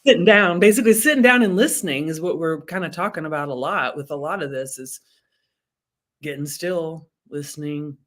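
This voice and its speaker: Relaxed, chatty singer-songwriter woman. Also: sits low, brisk. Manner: relaxed, chatty, laughs easily. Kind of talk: casual interview conversation.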